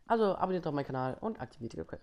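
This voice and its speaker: A man's voice: fairly high pitch, sing-song, racing, gravelly, darkish tone. A young man giving casual let's play commentary in an informal, slangy way. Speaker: let's player.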